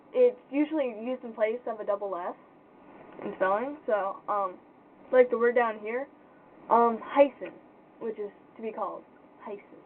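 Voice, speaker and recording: A young woman with a fairly high voice gives an informal pronunciation lesson. She speaks casually and haltingly, often thinking aloud and sounding unsure. The sound is thin and phone-like, with faint noise behind her. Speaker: language tutor.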